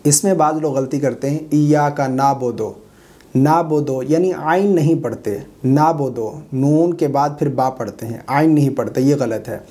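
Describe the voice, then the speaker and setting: A man teaching Quran recitation, chanting verses in long drawn-out melodic lines and correcting common mistakes in quick spoken asides. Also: on the high side, mellow.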